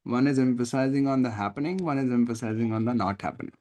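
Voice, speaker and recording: Speaking at a quick pace in a medium pitch, this man tutors test prep online via video call with an Indian English accent. He's lively and full of questions, frequently making sure his students understand.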